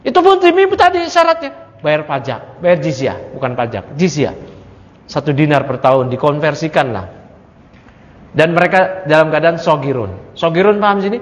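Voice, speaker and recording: A man teaching an Islamic study class, lecturing in an animated way and firing rhetorical questions at his listeners. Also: a little high, normal speed. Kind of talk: study-circle lecture on a creed text. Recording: echoey hall, dull lo-fi sound.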